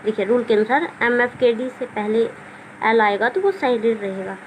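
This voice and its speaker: A woman's voice: a little high, moderate pace, slight background noise, low-quality recording. A woman explaining English spelling rules in a patient, repetitive teaching manner, asking questions and answering them herself. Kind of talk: classroom-style explanation.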